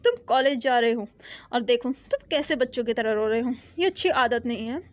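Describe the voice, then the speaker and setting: A woman's voice: fairly high pitch, expressive, normal speed, natural voice. A woman voicing a bossy but loving older sister, a young businesswoman, scolding and teasing her younger brother in a storybook retelling.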